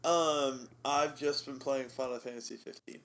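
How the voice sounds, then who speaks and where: A man's voice: mid-range voice, steady tone, normal speed, a bit bright. A man co-hosting a casual podcast chat, laughing a lot between his sentences. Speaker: podcast co-host.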